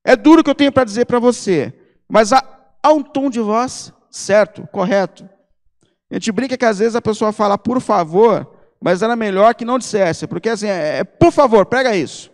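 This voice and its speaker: A man preaching a sermon as pastor, speaking Brazilian Portuguese, emphatic and conversational, mixing personal stories with forceful appeals. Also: sits high, moderate pace, in a large hall. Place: church hall.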